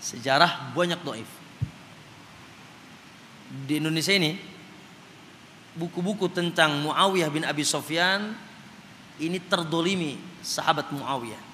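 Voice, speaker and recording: Here a man teaching religion lectures on Quran study, calling his listeners Pak and chanting sample recitations. He speaks on the higher side with a sharp tone, keeping a measured pace broken by long pauses. Faint noise and hall reverb color the recording.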